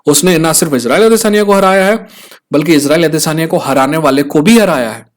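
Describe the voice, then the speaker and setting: A man's voice: fairly high pitch, quick pace. Indian man explaining fights casually. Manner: conversational, tag questions to viewers. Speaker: fight analyst host.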